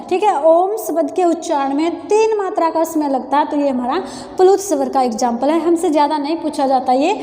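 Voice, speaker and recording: A woman teacher with a Haryanvi Hindi accent giving an exam-prep grammar lesson, calling her students children and repeating key terms slowly. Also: sits high, warm tone. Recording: echoey room with long reverb.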